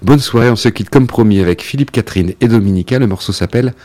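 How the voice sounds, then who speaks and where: A male radio host with a somewhat low voice, talking in a relaxed way and laughing easily between questions. He leans on small fillers as he introduces songs and guests. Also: quick pace. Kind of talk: radio interview.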